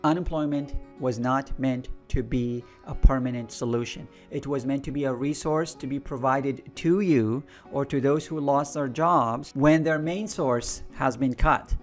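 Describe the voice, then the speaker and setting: An earnest man from Iraq talks straight to his listeners as an energy intuitive. His voice sits at a mid pitch, and he repeats key phrases for weight. Soft guitar music plays faintly underneath. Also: unhurried, few pauses. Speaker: energy intuitive channel host. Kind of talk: spiritual monologue to camera.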